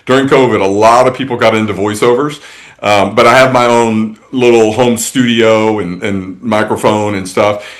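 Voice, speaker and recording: A man's voice: fairly low pitch, steady tone, moderate pace, low-quality recording. A man talking as a tourism industry guest in a casual interview, rambling along with many restarts and fillers.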